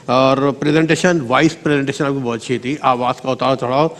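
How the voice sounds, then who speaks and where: A man's voice: medium pitch, fairly even intonation, long reverb tail. A man judging a children's speech contest, giving rambling but encouraging feedback to each contestant in turn. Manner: rambling, encouraging, addresses kids as "beta". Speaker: competition judge.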